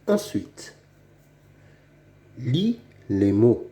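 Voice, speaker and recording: A man's voice: medium pitch, very animated, drawn-out words, dark tone. A man giving a reading lesson for children, saying each word twice and spelling out its sounds letter by letter. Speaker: reading teacher.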